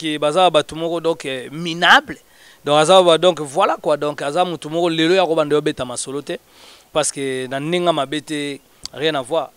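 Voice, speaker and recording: A man talking in an animated, casual way, switching between Lingala and French. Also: fairly high pitch, clear, resonant tone.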